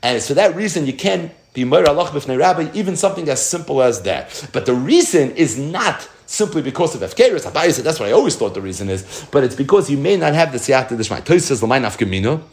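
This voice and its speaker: Man, slightly high-pitched, highly varied intonation, rabbi's Talmud lesson, translating and explaining aloud. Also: fast talker. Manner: animated, sing-song explaining with rhetorical questions. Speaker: rabbi teaching a Talmud class.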